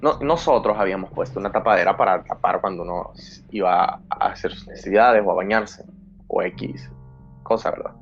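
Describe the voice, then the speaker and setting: A man's voice: low voice, fairly quick, gravelly, dull audio, faint music behind. A male podcast host tells a personal scary story dramatically, acting out his frightened younger self. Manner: dramatic storyteller who acts out his own fearful past self.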